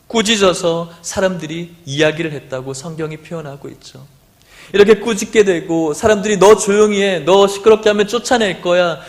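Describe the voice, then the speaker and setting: A man pastor preaching a Sunday sermon, telling a story with rising loud quoted cries and soft questions to the congregation. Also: a little high. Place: church sanctuary.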